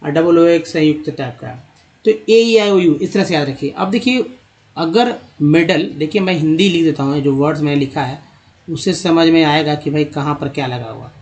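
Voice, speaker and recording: A man teaching English spelling and pronunciation, drilling each sound slowly and repeating it, and addressing the viewers as friends. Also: fairly high pitch, darkish tone. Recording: dull lo-fi sound.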